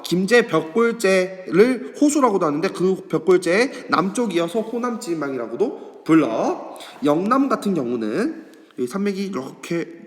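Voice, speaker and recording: Lively Korean man teaching in a reverberant room. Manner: friendly, asks students questions and answers them himself; acts out students' questions in a higher voice. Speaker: high school history teacher. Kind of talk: online class lecture to students. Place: classroom or office, recording an online lesson.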